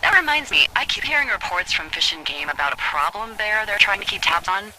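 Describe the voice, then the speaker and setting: A woman's voice: mid-range voice, lively intonation, moderate pace, heavy background noise. An actress voicing a friendly, teasing woman fire lookout who speaks over a walkie-talkie radio in a video game, with a pleasant, sensual voice. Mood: wry.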